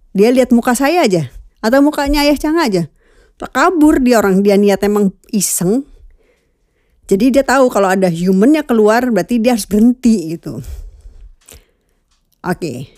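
A woman's voice: a little high, warm tone, no room sound, studio quality. A middle-aged woman chatting casually about the cats she keeps, musing aloud and dropping in English words. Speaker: cat owner vlogger. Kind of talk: casual chat.

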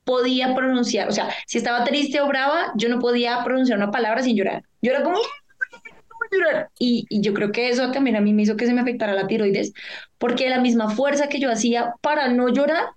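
A woman in a casual podcast conversation. Her voice sits slightly high, and she speaks in open, emotional bursts, telling personal stories with plenty of restarts. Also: fast. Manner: emotional, candid, animated storytelling. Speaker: podcast co-host. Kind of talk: casual chat.

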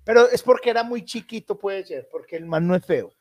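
Colombian man, high-pitched, teasing co-host with casual swearing. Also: expressive, brisk, darkish tone. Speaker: podcast co-host. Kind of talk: casual chat.

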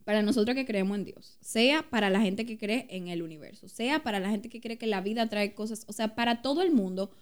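A woman's voice: medium pitch, a little fast, hardly any pauses. A woman co-hosting a podcast, reflecting on faith, asking questions and sharing personal experiences. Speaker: podcast co-host. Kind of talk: casual faith talk.

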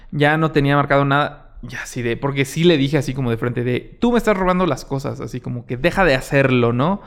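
A young man with a Mexican accent hosting a podcast, telling a story in a casual way and acting out what people said. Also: fairly high pitch. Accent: Mexican Spanish. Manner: animated, acts out quoted exchanges, many fillers. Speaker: podcast host.

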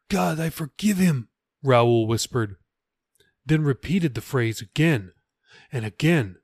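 A man narrating his own novel as an audiobook, steady and earnest. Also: mid-range voice, no room sound, studio quality. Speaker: author and podcast narrator.

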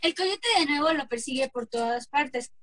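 High-voiced woman narrating a folk tale. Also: lively intonation, moderate pace, fairly bright tone, no room sound. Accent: Mexican Spanish.

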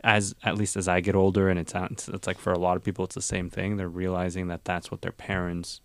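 A man hosts a casual podcast conversation in a low, deep voice. He speaks reflectively and asks his guest thoughtful questions. The sound is dry and close, with no room echo. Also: little pitch movement, brisk. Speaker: podcast host.

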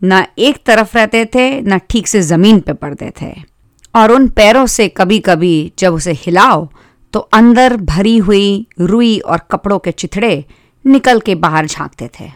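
A woman telling a children's story in a gentle, measured narration. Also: medium pitch, animated, no echo, clean studio sound. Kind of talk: scripted narration.

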